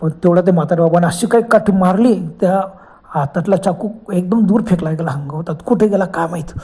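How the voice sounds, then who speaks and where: A man's voice: sits high, fairly quick, mellow, breathy edge. A man narrating a horror story with a dramatic, exclaiming manner.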